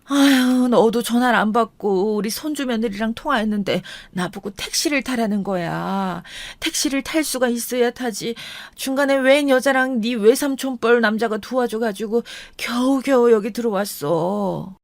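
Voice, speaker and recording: Woman doing a high old country grandmother. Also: moderate pace, hardly any pauses, no room sound, natural voice. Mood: weary. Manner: regional countryside dialect.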